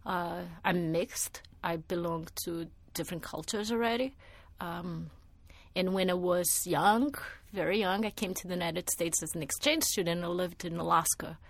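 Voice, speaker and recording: A middle-aged Brazilian woman, a media artist and former art teacher, answers interview questions thoughtfully. She often restarts and uses fillers. Her voice is fairly low and her pace moderate.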